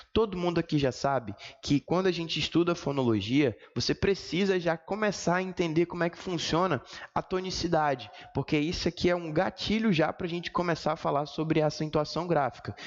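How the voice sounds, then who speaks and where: Brazilian man teaching in an echoey room. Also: a little high. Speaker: Portuguese grammar teacher. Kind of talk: exam-prep lesson explanation. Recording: reverberant room, dull lo-fi sound.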